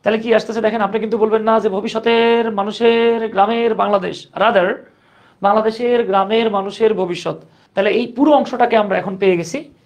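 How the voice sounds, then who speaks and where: A man's voice: high voice, steady tone, a little fast. Male grammar teacher, conversational and joking, quizzes students as he explains. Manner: conversational, asks the class questions, jokes. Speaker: English teacher. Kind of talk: grammar lesson.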